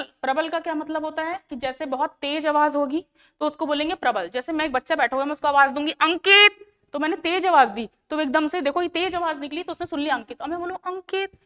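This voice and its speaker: High-voiced woman teaching a science lesson. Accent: Hindi, North Indian. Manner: asks questions then answers them herself, repeating key terms. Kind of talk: classroom lesson explaining to children.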